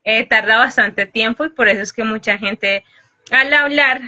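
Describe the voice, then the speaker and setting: Bright-voiced woman on a lo-fi call. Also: a little high, moderate pace. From Colombia. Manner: explains with everyday examples, laughs at herself. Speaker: host and English teacher. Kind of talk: casual live-stream chat. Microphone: video call.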